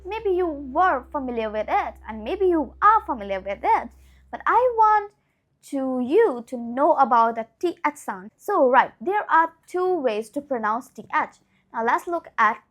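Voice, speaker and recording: A young woman giving an informal pronunciation lesson, repeating example words slowly and often checking that the listener follows. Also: sits high. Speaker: English pronunciation teacher.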